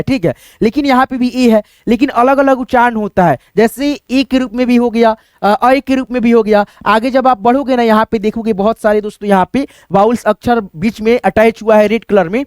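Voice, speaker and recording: A very high-pitched, clean-toned man teaches beginners English spelling and sounds in what is a Hindi spelling lesson. Repetitive and fond of saying "friends," he poses questions and answers them himself, captured in clean studio sound with no room sound.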